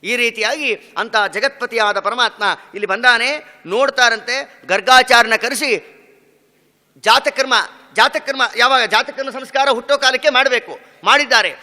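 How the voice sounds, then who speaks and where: Man giving a devotional discourse, very high pitch, smooth resonant tone, long hall echo. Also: unhurried, bright, forceful tone. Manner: storytelling, asks questions and answers them, breaks into song. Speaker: swami giving a religious discourse. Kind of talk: devotional discourse with sung verses.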